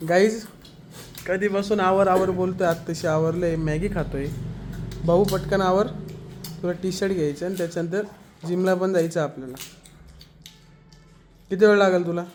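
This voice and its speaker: A man's voice: high voice, steady tone, normal speed, long pauses, a little mellow, a little hiss or hum. A young man vlogging casually at home, teasing his family and chatting straight to his viewers. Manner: playful, teasing, addresses viewers directly. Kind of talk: casual family vlog chat.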